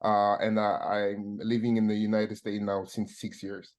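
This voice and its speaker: A man with a French accent, a supply chain consultant speaking as a webinar guest, measured and halting with many fillers. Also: on the low side, level tone. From France.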